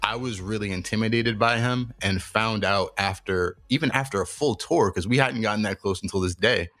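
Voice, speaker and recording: Young male podcast host, low voice, casual and profane, animated storyteller. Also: moderate pace.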